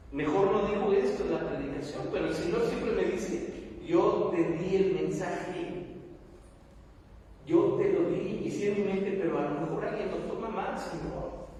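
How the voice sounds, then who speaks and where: A man preaching a sermon as pastor, with a naturally loud, carrying voice and emphatic delivery, often calling out to his listeners. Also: sits high, unhurried, long pauses. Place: church sanctuary. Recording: echoey hall, distant mic, faint noise.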